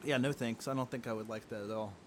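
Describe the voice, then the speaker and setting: Podcast co-host, man, rambling and sardonic, mid-pitched, faint hiss behind. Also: steady tone, quick pace. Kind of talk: casual podcast chat.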